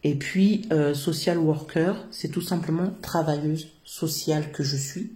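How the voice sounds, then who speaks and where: A woman's voice: deep voice, unhurried, mellow. A middle-aged woman from France answers interview questions about her work, earnest and hesitant, with many filler sounds. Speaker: founder of a social work business.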